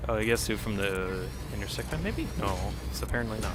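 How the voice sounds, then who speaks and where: Talking fast with lively intonation in a lowish voice, a man streams a game and rambles through casual commentary, reacting to chat and chuckling frequently. He's slightly nasal from a cold, and game music runs in the background.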